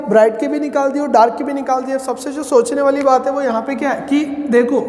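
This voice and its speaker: A man teaching physics, posing questions to the class and answering them himself as he derives formulas. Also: very high-pitched. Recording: roomy echo with long reverb.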